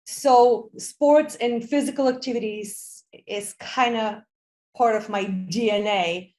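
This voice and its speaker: A woman's voice: on the high side, takes it slowly, a little mellow. Upbeat woman guest from Bulgaria. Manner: upbeat, enthusiastic. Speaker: podcast guest, Pilates instructor. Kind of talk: casual interview talk.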